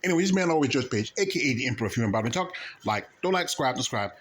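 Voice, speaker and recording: Man hosting a vlog, halting delivery. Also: mid-range voice, expressive, a bit bright. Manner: halting, with stammered repeats and broken-off words. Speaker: YouTube host. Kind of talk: casual vlog monologue announcing an interview.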